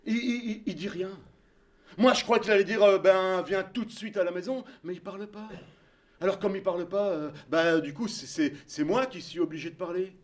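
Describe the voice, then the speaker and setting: A man's voice: high-pitched, fairly quick. A man with a Belgian French accent telling a comic one-man-show story in a hesitant, self-mocking way, acting out all the voices. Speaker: comedian.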